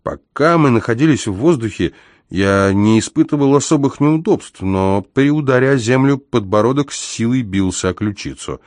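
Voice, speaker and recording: A man reading a first-person adventure story as an audiobook narrator, measured and even. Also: mid-range voice, no room sound, studio quality.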